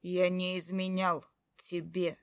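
A stubborn grown husband, gruff and insistent, his voice pushing hard and loud, as a woman puts him on. Every word comes through close and dry, with no room around it. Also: fairly low pitch, completely flat delivery, slow pace, dry recording. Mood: earnest.

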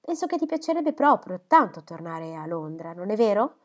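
A woman voicing a gentle, earnest young woman in a storybook reading, soft and coaxing. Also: mid-range voice, sing-song, moderate pace, lightly acted.

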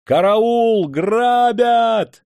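A man's voice: mid-range voice, expressive, fairly quick, a little mellow, breathy edge, dry recording, studio quality. A man doing a panicky, cowardly young nobleman. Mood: panicked. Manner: panicky, pleading.

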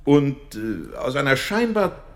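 An actor playing a modest English doctor in a radio drama, speaking politely, thoughtfully and with some hesitation. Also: male voice, mid-range voice, big pitch swings, takes it slowly. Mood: curious. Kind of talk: German radio drama acting.

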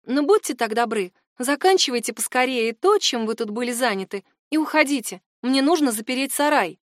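A woman's voice: high-pitched, lively intonation, fairly quick, no room sound, clean studio sound, voice pushed up. A woman reading an audiobook, voicing a secretive young woman who speaks in a strained, insistent way. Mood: tense. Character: tense secretive young woman hiding an escape plan.

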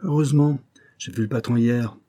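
A man's voice: medium pitch, normal speed, mellow, lightly acted. A man voicing a cocky young male street rascal in an audiobook, grumbling and indignant in slangy speech. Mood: wheedling.

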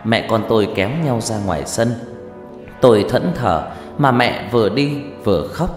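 A man narrating a first-person ghost story in a lively, dramatic way. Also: fairly low pitch, normal speed. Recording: reverberant room with faint music.

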